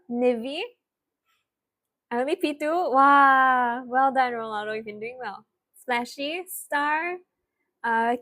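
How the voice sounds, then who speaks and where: A young woman, tutoring a live-stream spelling lesson. She laughs often, praises students by name and spells words out slowly. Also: high voice. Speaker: online tutor.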